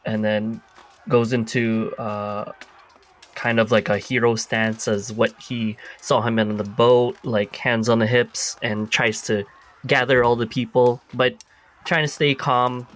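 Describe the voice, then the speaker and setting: A man's voice: mid-range voice, level tone, unhurried. A man playing a tabletop game, describing his character's actions in a rambling way. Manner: rambling, frequent "like". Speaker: player. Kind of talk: in-character narration.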